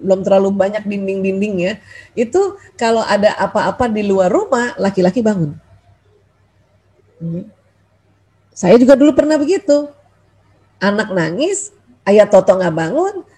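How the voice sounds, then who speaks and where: A middle-aged woman doctor lectures on parenting over a video call, speaking in a fairly high, husky, mellow voice. She keeps it chatty and animated, slipping into little acted-out quotes. The sound is that of an online meeting. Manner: chatty, animated, acts out quoted thoughts with laughs.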